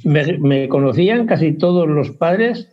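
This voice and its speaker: A man's voice: a little high, expressive, measured pace. Guy rambling in an interview, restarts a lot, kinda dull lo-fi sound. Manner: rambling, hesitant, self-correcting. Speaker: interviewee, basketball parent. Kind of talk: casual interview chat.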